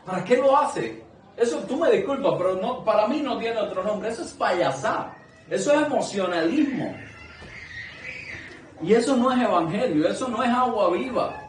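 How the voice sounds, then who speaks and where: A man's voice: high-pitched, lively intonation, moderate pace, a little hiss or hum. A man preaching a sermon to a small congregation, earnest and conversational, asking many rhetorical questions. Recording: echoey room, mic at a distance.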